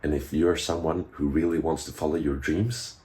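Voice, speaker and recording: Very deep-voiced young man. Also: fairly even intonation, moderate pace, darkish tone. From Sweden. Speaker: vlogger. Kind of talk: casual reflective vlog talk to camera.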